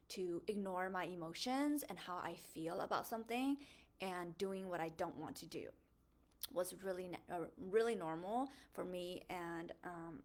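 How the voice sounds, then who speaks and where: A young Hmong woman with a lowish voice, born in a Thai refugee camp and raised in the United States, hosts a faith podcast. In this reflective personal monologue she sounds earnest and thoughtful, using frequent fillers and correcting herself.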